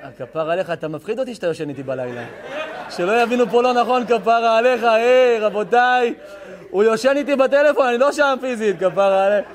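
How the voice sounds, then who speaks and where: A man, a rabbi, giving a live Torah lesson to an audience, bantering affectionately with the crowd and turning heartfelt when he speaks of faith. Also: extremely high pitch.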